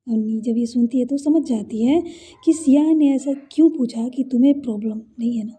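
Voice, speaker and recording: Woman chatting through a story, super breathy and dark mellow voice, casual retelling. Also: on the high side, normal speed. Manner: conversational, warm-hearted retelling with asides. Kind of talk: casual serialized story narration.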